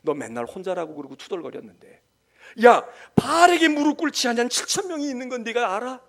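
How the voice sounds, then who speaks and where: A preacher voicing God, blunt and commanding. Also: male voice, extremely high pitch, sing-song, quick pace, gravelly, a bit bright, pitched above the performer's own voice, full character voice. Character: God commanding a weary prophet, blunt and forceful.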